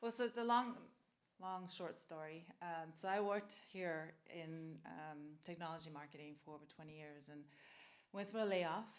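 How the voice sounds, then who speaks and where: A middle-aged woman from Tonga, a brand founder talking casually in an interview, unhurried with fillers. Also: deep voice.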